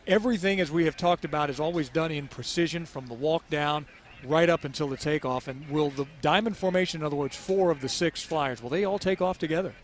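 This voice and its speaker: A man's voice: a little high, a little fast, a little hiss or hum. A man hosting a live television broadcast, giving air show commentary and putting questions to a guest. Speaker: television host.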